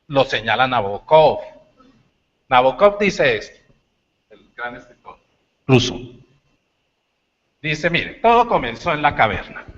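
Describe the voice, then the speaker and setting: A man giving a university lecture, telling stories with animated, shouted bits. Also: medium pitch, takes it slowly, long pauses, dull audio. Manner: animated storytelling, shouts acted lines. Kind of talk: lecture talk.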